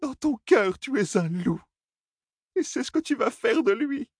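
A man voicing a grieving old grandmother who cries and begs in a shrill, wailing voice. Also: animated, unhurried, husky, no echo, studio quality, heavily acted. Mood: sobbing. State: crying.

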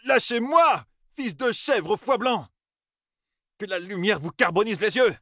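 Hot-tempered young man, pitched high and shouting curses, put on by a male reader; dry, close sound. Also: expressive, measured pace, no echo, full character voice. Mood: furious cursing. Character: angry young man, cursing and defiant.

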